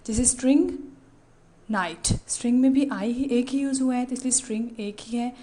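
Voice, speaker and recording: A woman teacher giving an online class lecture, slowly explaining each word to young students. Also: a little high, dark tone.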